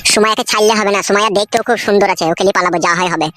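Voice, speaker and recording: A woman's voice: medium pitch, fairly even intonation, racing, fairly bright tone, natural voice. A woman voicing a crude scheming young son-in-law. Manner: sulky, crude. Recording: clear background noise.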